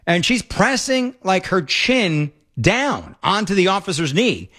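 A man hosting a talk radio show, delivering opinionated commentary in a sarcastic, mocking, excitable way into a studio mic. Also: high-pitched, unhurried. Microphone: studio broadcast mic.

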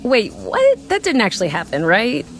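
A woman's voice: medium pitch, wildly swooping pitch, moderate pace, faint music behind. A woman playing a friendly, bemused café counter worker taking orders in a casual customer-service way in a radio ad. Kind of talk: acted radio ad dialogue.

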